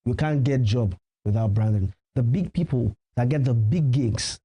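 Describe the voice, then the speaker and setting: A husky, dark-toned man's voice at medium pitch and moderate pace belongs to a Nigerian MC and event host, a native Yoruba speaker. Interviewed conversationally on TV, he gives emphatic advice and keeps repeating his main points.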